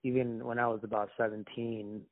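A young man from Somalia, an interview guest, talking in a halting, reflective way with many restarts. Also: mid-range voice, level tone. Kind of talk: casual conversation. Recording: tinny phone-like call line.

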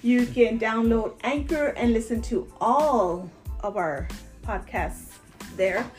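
A woman chats on a podcast with her brother, her voice high and bright. She rambles animatedly through stories and laughs often, with faint music playing behind her. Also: slow. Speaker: podcast co-host. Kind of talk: casual chat, storytelling.

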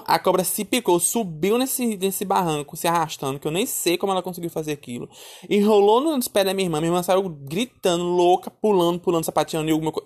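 A man telling a childhood story in a lively, chatty way, calling his listeners darling and my son. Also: high voice. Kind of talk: casual storytelling.

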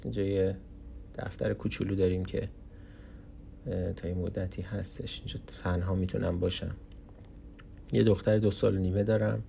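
A young man recording a personal podcast alone in a small office, talking unscripted, tired and hesitant with many pauses. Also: on the low side, gravelly, mellow, slight background noise. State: tired from lack of sleep. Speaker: podcast host.

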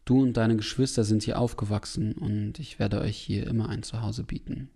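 A man's voice: lowish voice, fairly even intonation, moderate pace, vocal fry, warm tone, breathy edge. A man voicing a stern, bitter older mother, quoting her in his story with a firm, clipped delivery.

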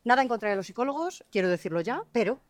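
Woman rattling off stories on a dog walk, bit high pitched, super fast, swears a lot, dry close sound. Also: no echo. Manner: fast, animated storytelling with swearing; tearful-prone, emotional retelling. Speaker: podcast co-host. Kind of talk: casual chat while walking dogs. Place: outdoors on a street, walking a dog.

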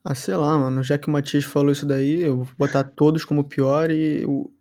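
A man's voice: fairly high pitch, flat delivery, normal speed, warm tone. A Brazilian man co-hosting a casual sports podcast, offhand and blunt with slang. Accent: Brazilian Portuguese. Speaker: podcast co-host.

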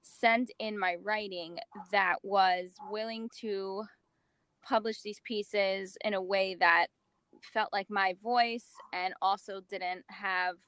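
A woman from the States, a magazine founder, talking casually as an interview guest and pausing often with fillers and restarts. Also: mid-range voice, fairly even intonation, a bit bright, smooth, dry recording. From United States. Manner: hesitant, many fillers and restarts.

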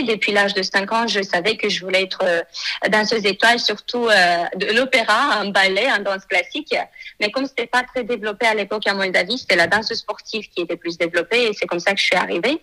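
A woman, answering interview questions on the phone in a measured, thoughtful way with frequent pauses. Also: mid-range voice, pushed and bright, poor audio. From Moldova. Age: 30s. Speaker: guest, former dance champion and coach.

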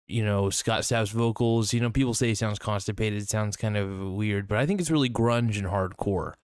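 A man with a lowish voice hosts a podcast in a dry, close-sounding recording. He boasts in an ironic, tongue-in-cheek way and rambles, stumbling through fillers and restarts. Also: smooth, no echo. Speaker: podcast host. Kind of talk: sarcastic mock-boastful monologue. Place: at a computer, screen-sharing.

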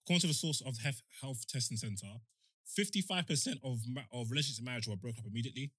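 A man's voice: mid-range voice, racing, a bit bright, breathy edge, no room sound. A young man with a London accent, co-hosting a podcast in casual chat and reading out figures. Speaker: podcast co-host.

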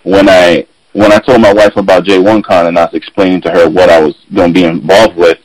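Speaking briskly in a low-pitched voice, this podcast host with Puerto Rican and Dominican roots spins stories in casual conversation, voicing the people he quotes and cursing without restraint. It's a remote-call recording, rough but without echo.

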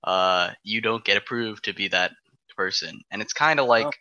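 Bright-voiced man explaining a timeline. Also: on the low side, moderate pace, no echo, muffled recording. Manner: walks through dates step by step, frequent ums. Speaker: presenter of an alternate history timeline. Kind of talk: casual explanatory podcast talk.

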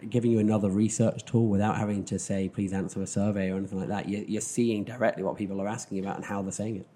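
Casual male discussion voice, lowish pitch, brisk delivery, conversational panel guest. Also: little pitch movement, warm tone, a little hiss or hum. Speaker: podcast panellist.

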